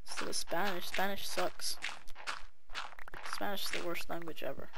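A woman's voice: on the low side, steady tone, moderate pace, creaky. A teenage girl from Chile giving casual, jokey gameplay commentary at her computer, rambling and talking to herself as she plays. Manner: rambling, jokey, talks to self, counts aloud. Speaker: let's play gamer. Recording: noisy mic with clicking.

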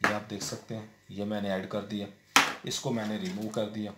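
Working at an indoor bench, a TV repair technician with a lowish voice walks through the fix one step at a time, keeping a level tone and moderate pace. Fillers and repeated "theek hai" check-ins fill his talk, and the room's echo carries faint noise.

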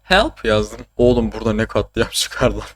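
A man's voice: fairly low pitch, animated, moderate pace, a little hiss or hum. A young man from Turkey chatting casually while streaming a game, joking, swearing and often laughing. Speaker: gaming streamer. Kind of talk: casual gaming commentary.

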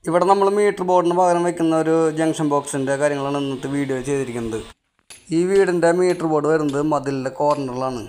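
A man's voice: mid-range voice, a little mellow, a little hiss or hum. A man, an electrician hosting an on-site how-to video, explaining the job in a plain, matter-of-fact way outdoors at a house build site. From Kerala, India. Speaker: electrician and channel host.

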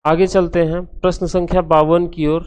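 A man's voice: a little high, normal speed, clean tone, no room sound. Guy going through exam answers one by one, patient tutor voice, repeats stuff, dry close mic. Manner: steady, explanatory, restates each point.

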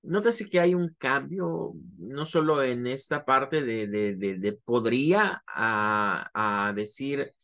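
A man teaching English phrases in a classroom lecture, explaining step by step and repeating examples slowly. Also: mid-range voice, bright, forceful tone. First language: Spanish.

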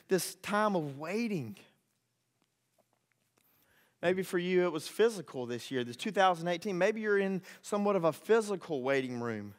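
A young man, preaching a sermon as pastor in an earnest, conversational way that rises to pleading. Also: high voice. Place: church sanctuary. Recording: reverberant church sanctuary.

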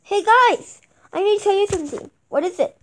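A woman's voice: extremely high pitch, animated, a little fast, a little hiss or hum. A woman improvising a toy puppet show in theatrical, exclamatory character voices. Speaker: puppeteer voicing plush toys. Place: indoors at a table, handling toys.

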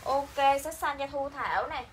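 Speaking at a normal speed in a high voice, this Southern Vietnamese-accented woman sells clothing over a livestream. She chats and says each line twice to coax her audience, with slight noise in the background.

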